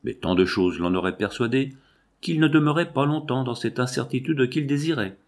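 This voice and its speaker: A man narrating a classic novel as an audiobook, in a measured, expressive reading. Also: medium pitch.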